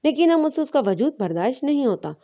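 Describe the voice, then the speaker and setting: A woman's voice: high-pitched, big pitch swings, warm tone, lo-fi sound, pitched above the performer's own voice. A woman voicing a spoiled young woman pleading tearfully with her father. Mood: desperate. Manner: sobbing, pleading.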